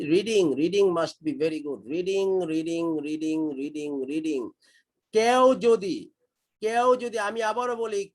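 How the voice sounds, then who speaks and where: A middle-aged Bangladeshi man teaching kids English in an online class, emphatic and repeating his points, mixing English phrases into his speech. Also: high-pitched. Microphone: online class call.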